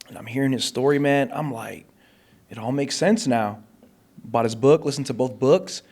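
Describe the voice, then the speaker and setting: A man's voice: medium pitch, darkish tone. A man speaking as a podcast guest, telling his story openly and bluntly, often saying "man". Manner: open and blunt, sprinkles "man". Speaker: guest, coach and public speaker. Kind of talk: candid interview storytelling.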